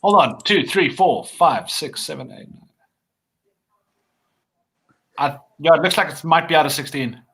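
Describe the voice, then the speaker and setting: A man's voice: a little high, animated, measured pace, pauses often, a bit bright. A man co-hosting a live online quiz, easygoing and upbeat as he talks to viewers. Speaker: guest co-host. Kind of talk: casual live quiz chat.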